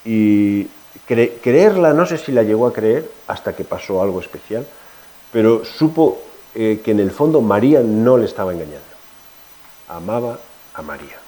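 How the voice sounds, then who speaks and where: A man's voice: on the low side, animated, moderate pace, dark tone, rough recording. A middle-aged man giving an informal sermon, telling personal stories and asking his listeners questions, with frequent restarts. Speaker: preacher.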